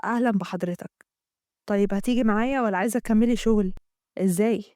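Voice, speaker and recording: A woman voicing a scheming young man who pressures his lover, speaking low and coaxingly. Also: fast, dark tone, no room sound, studio quality, lightly acted.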